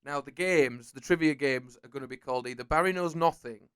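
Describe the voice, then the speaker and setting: A man's voice: medium pitch, a little fast, smooth, no echo, studio quality. A man hosting a casual film quiz, teasing and playful. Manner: playful, teasing, animated quizmaster. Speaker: podcast host running a quiz. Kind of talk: casual banter.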